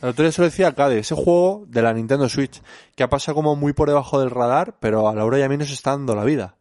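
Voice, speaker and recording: A man's voice: mid-range voice, fast talker, darkish tone, no room sound, studio quality. A man with a Spanish accent co-hosting a podcast, chatting casually and mocking himself. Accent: Spain. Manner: chatty, self-mocking complaints. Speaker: podcast co-host. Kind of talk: casual chat.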